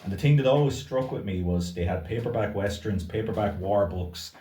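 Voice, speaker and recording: A man with an Irish accent, a bookseller co-hosting a casual book chat, talking thoughtfully with pauses and easy laughs. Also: lowish voice, warm tone. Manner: thoughtful, hesitant, laughs easily. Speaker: bookseller, co-host. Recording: roomy sound, distant mic.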